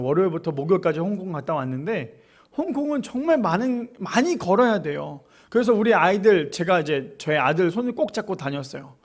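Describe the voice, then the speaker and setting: A man in his thirties preaching a sermon as pastor, talking directly to the congregation and growing emotional as he makes his point. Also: high-pitched. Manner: emotional, rising to loud exclamations when quoting God.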